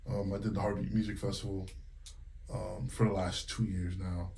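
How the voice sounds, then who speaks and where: There's a creak to this low-pitched voice, along with a little hiss or hum in the recording. A thirtysomething singer and music teacher from Connecticut, he talks at normal speed in a casual, candid interview, filling it with fillers and quoted retellings.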